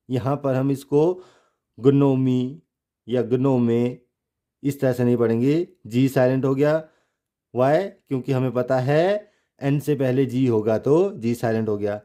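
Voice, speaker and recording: Slow, mellow-voiced man teaching pronunciation. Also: medium pitch. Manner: spells words letter by letter, asks and answers his own questions. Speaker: English teacher. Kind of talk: step-by-step pronunciation lesson.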